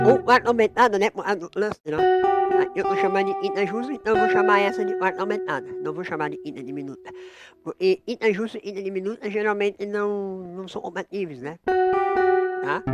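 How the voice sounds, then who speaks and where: Brazilian man teaching guitar over loud chords. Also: high voice. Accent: Brazilian Portuguese. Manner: thinks aloud, self-correcting, many tag questions. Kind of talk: casual guitar lesson. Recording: guitar playing loudly behind the voice.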